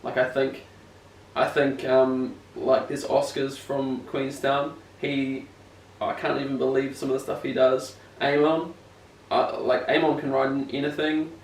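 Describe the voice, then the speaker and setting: A man's voice: mid-range voice, level tone, measured pace. Rambling young Kiwi guy with a broad accent. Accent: broad New Zealand. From New Zealand. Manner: rambling, slangy, self-deprecating. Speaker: BMX rider being interviewed. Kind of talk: casual chat. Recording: echoey room, distant mic, faint noise.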